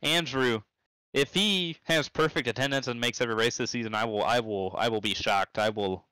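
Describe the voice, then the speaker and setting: A man's voice: medium pitch, moderate pace, smooth, dry recording, poor audio. A man commentating and interviewing a driver in a chatty, stumbling casual way. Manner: lively, chatty, stumbles and repeats words.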